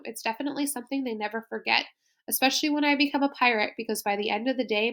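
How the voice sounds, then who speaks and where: A woman's voice: on the high side, a bit bright, a little hiss or hum. A woman school librarian narrating a slide presentation in an upbeat, explanatory way.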